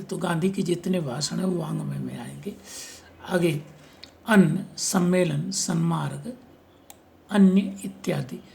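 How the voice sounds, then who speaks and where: Gravelly-voiced male Hindi teacher. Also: a little high, a little mellow, slight background noise. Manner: explains with spoken examples, checks in with listeners. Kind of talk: exam-prep lecture on Hindi spelling.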